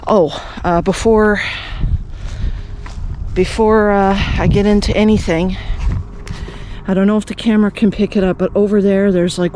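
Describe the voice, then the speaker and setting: A man's voice: sits high, a little mellow, slight background noise. A man from Canada narrating a casual walking vlog outdoors, chatty and rambling with many fillers and restarts. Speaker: vlogger. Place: outdoors, walking around a rural cemetery.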